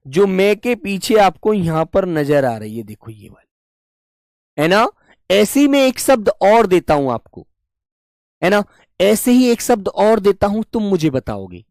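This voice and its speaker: A young man teaching a live online Hindi class, patient and deliberate, repeating each point and calling students his dear children. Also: sits high, a little mellow, dry recording, clean studio sound. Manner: slow and deliberate, breaks words into parts.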